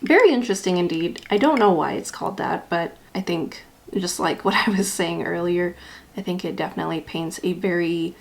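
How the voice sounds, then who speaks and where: A woman's voice: on the low side, a little fast, creaky. A woman with a slight lisp from wearing a retainer, rambling casually and a little self-consciously as she talks through ink swatches for a vlog. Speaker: YouTube vlogger.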